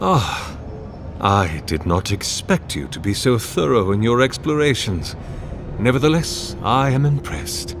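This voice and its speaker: A coolly menacing game villain, voiced by a man, speaks in slow, formal, musing phrases. His pitch rises and falls in wide, expressive sweeps. Game music plays behind him. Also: lightly acted. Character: calm, philosophical male villain, coolly menacing. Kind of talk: video game voice acting.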